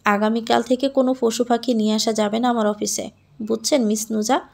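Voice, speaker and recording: A woman voicing an arrogant young male boss who gives curt, mocking orders, in a higher voice with a gravelly edge. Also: level tone, fairly quick, darkish tone. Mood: sneering. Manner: curt, commanding, sneering.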